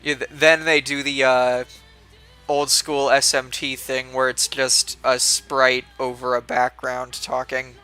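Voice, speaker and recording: A man's voice: mid-range voice, level tone, slow, pushed and bright, clear, resonant tone, faint music behind. A young man casually commenting while streaming a video game, rambling with fillers and restarts.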